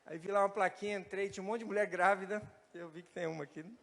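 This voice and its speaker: A man's voice: sits high, racing. A man with a Brazilian accent preaching a sermon, telling a personal story and acting out the dialogue. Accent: Brazilian Portuguese. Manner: animated storytelling, acts out dialogue. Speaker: pastor. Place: church. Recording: church hall reverb with faint music.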